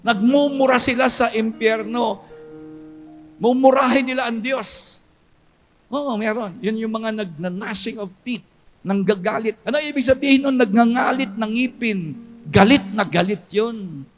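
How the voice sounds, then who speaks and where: Emphatic high-voiced pastor preaching. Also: male voice, measured pace, faint music behind. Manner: emphatic preaching, swinging between loud cries and low hushed storytelling. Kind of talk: sermon.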